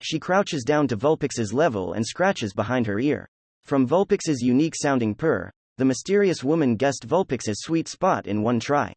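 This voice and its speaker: Male audiobook narrator, steady and even, medium pitch, dry close recording. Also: moderate pace, no echo. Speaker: audiobook reader. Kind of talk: fan fiction audiobook narration.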